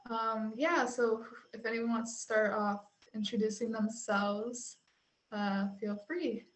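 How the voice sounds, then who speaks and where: A woman from Puerto Rico hosting an information session on a video call, talking in a relaxed way with many ums. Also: a little high, low-quality recording. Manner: relaxed, filler-heavy with frequent ums. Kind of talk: casual hosting.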